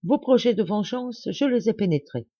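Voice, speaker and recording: A woman voicing a resolute young man who speaks firmly and gravely. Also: medium pitch, expressive, moderate pace, warm tone, no room sound, dull audio, voice pushed up, natural voice. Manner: firm and grave.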